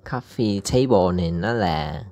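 A man with a Southern Vietnamese accent giving a casual English lesson over slides. He pauses often with fillers and draws out English words slowly so listeners can repeat them. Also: fairly low pitch, animated, gravelly, a little mellow, soft background music. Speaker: English teacher.

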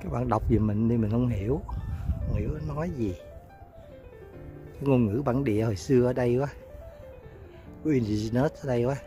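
A man's voice: medium pitch, brisk, pauses often, dark tone. Man, casual vlog talk, outdoors on a phone camera, music playing behind. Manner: chatty, addresses viewers directly. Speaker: vlogger. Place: outdoors in a garden and park.

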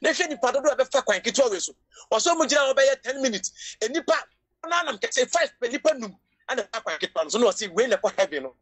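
A woman's voice: high voice, big pitch swings, fast talker, slightly rough. Impassioned Ghanaian woman preaching. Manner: emotional, rising to cries and shouts, mixing English into Twi preaching. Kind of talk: sermon.

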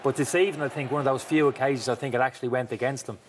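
A man's voice: medium pitch, steady tone, racing. A middle-aged man analysing football match replays in an emphatic way as a pundit on a TV studio set, on a lapel mic. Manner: emphatic, talks over replays. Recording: TV studio with background noise.

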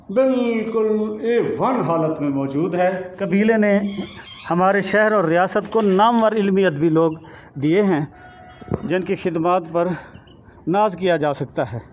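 A man's voice: high-pitched, a little slow, pauses often, echoey room, a little hiss or hum. A man, narrating a touring vlog outdoors at a graveyard and earnestly pointing things out to the viewer. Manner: earnest, guiding the viewer around. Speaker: vlogger.

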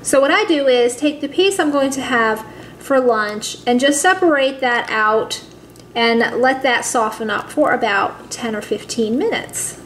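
A woman's voice: high voice, animated, unhurried, a bit bright. A woman hosting a cooking video, walking viewers step by step through a simple recipe in a chatty way that calls them guys. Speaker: cooking channel host. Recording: echoey room with faint background noise.

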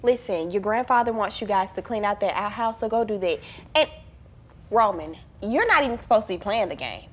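A woman's voice: medium pitch, lively intonation, a little fast, lightly acted. A woman playing a strict, exasperated mother setting house rules. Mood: firm. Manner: firm, exasperated.

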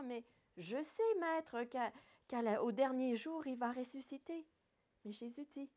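A woman with a French accent, a Sunday school teacher retelling a Bible story for children with lively little acted quotes. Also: on the high side.

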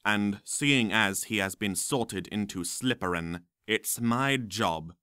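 A man voicing a sneering, spitting male potions professor in a storybook reading, drawing his words out in a low snarl. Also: pushed and bright, clear, resonant tone, no echo, clean studio sound. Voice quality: slow, snarling.

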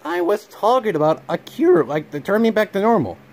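A man's voice: high voice, huge pitch swings, a little fast, vocal fry, a little mellow, voice pushed up, heavily acted. A man voicing Mario, turned into a cat, as an eager adult man who pleads with many hesitant restarts, in a plush toy home video. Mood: pleading. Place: home room with couch.

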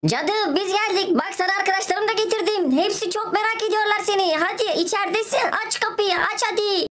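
A woman voicing a gentle beggar boy who quietly reassures his friends. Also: very high voice, a little fast, a little hiss or hum. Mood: reassuring. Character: gentle soft-spoken beggar boy guide.

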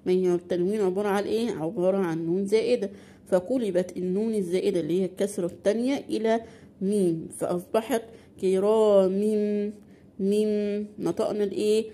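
A woman with an Egyptian accent teaching a beginner Quran recitation lesson, asking questions and answering them herself, and drawing out example words slowly. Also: mid-range voice, steady tone, mellow. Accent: Egyptian Arabic.

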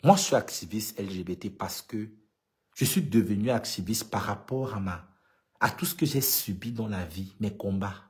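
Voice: deep voice, moderate pace. An LGBT activist from Cameroon with a Cameroonian French accent, talking casually to followers in an emphatic way and repeating points for stress. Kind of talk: casual vlog monologue to followers.

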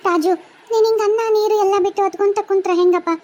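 Woman voicing a wailing ghost wife, sky-high. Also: fairly even intonation, dark tone. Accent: North Karnataka Kannada. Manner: very high, fast, pleading and wailing. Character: grieving young ghost wife, murdered, tearful. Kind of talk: cartoon voice acting.

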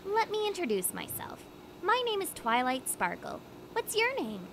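A woman voicing a polite, studious young female unicorn in a fan-made cartoon, earnest and animated. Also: very high voice, normal speed, noisy background, exaggerated voice.

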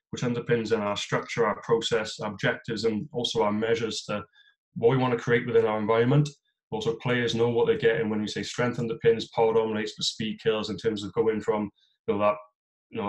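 A man in his thirties from South Wales, with a South Welsh accent and a medium-pitched voice, gives a webinar presentation as a guest speaker and head of physical performance. He talks loosely, with many fillers and restarts, over a video call on a laptop from a small room at home. The recording is rough.

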